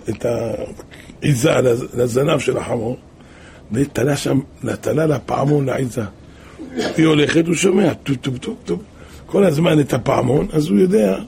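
A man preaching a religious sermon, telling a folksy parable with lively rhetorical questions. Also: fairly high pitch, gravelly, a little hiss or hum.

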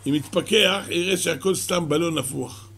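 A man telling a moral parable to a listener in lively storytelling, with sighs and asides. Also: fairly high pitch, gravelly, a little hiss or hum.

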